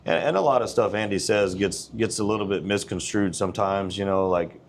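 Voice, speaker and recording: Man, 40s, gym owner as interview guest; lowish voice, blunt and earnest, faint noise behind. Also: fairly quick. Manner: blunt, earnest, plain-spoken. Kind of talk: casual interview conversation.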